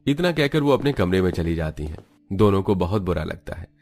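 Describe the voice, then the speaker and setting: A man with a very low, deep voice narrates a family cartoon in a steady storytelling manner, reading the script evenly scene by scene at a brisk pace.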